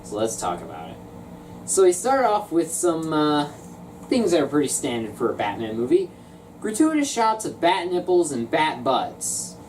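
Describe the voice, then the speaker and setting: A woman's voice: deep voice, wildly swooping pitch, normal speed, darkish tone. A woman reviewing a film in casual comedic chat, sarcastic in tone. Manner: sarcastic, bursts into shrieking laughter. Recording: distant mic with noisy background.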